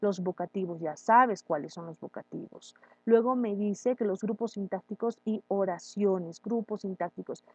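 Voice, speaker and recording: Mellow-voiced woman teaching grammar. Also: mid-range voice, moderate pace, no echo. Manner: explanatory, checks in with frequent "¿sí?". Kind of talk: online grammar lesson.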